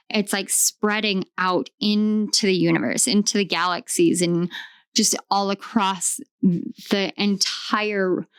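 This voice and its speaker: A woman giving a channeled tarot reading, talking with eager enthusiasm and often pausing to search for the right words. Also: mid-range voice, clear, resonant tone, no room sound, studio quality. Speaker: tarot reader.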